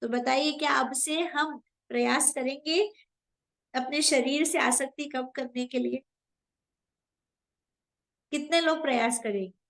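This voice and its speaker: A woman's voice: sits high, slow pace, vocal fry, long pauses, a bit bright, poor audio. A woman giving a devotional discourse as spiritual teacher to an online group, earnest and asking her listeners questions. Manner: earnest, asks the audience questions. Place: online live session.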